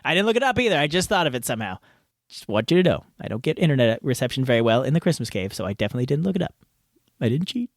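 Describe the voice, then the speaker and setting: A man's voice: medium pitch, very animated, very fast, no echo, studio quality. A man hosting a podcast, recording playful, self-mocking outtakes in a hot home garage. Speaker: podcast host. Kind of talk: outtakes, joking self-talk.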